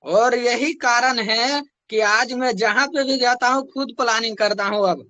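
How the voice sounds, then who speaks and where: Very high-voiced young man telling a story. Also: a little slow, bright, forceful tone, no echo. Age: young adult. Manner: conversational, repeats phrases for emphasis. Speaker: network marketing distributor. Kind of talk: motivational storytelling.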